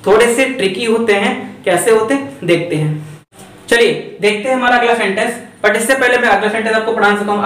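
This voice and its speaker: A man's voice: high-pitched, a bit bright, recorded from a distance. A man teaching English grammar in a chatty lecture style, often asking a question and then answering it himself. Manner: chatty, repeats points, asks and answers himself. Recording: echoey room, voice from off the mic.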